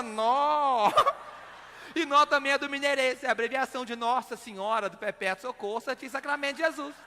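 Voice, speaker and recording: A man from Minas Gerais with a Minas Gerais accent, a stage magician and comedian doing a live act with playful, energetic joke-telling and shouted punchlines. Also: very high-pitched, a little hiss or hum. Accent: Minas Gerais Portuguese. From Minas Gerais, Brazil. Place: large live event stage. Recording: live hall with long reverb.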